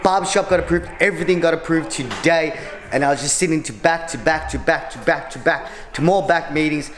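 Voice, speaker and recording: A man giving a casual, excited vlog rundown from home. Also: a little high, fairly quick. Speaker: vlogger. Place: home, indoors. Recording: echoey room with music behind.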